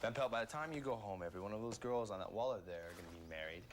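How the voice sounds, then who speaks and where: A man's voice: on the low side, rapid-fire, a little hiss or hum, lightly acted. A young man playing a sarcastic, lazy missionary, speaking dryly. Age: young adult. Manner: dry, sarcastic.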